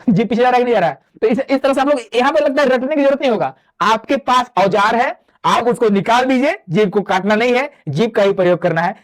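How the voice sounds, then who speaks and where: A man teaching a Hindi grammar lecture, explaining step by step and posing questions to the class that he answers himself. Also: high voice. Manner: drawn-out spoken demonstrations of vowel sounds; chatty classroom asides to students. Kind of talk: online exam-prep lecture.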